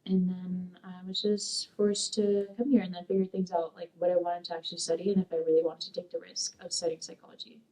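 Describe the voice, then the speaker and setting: Talking fairly quickly with few pauses, a young Peruvian-born woman raised in Sacramento answers oral history questions from a seat in a dark studio, rambling hesitantly with many fillers. Her warm voice sits on the low side with little pitch movement, and the low-quality recording is far from the mic.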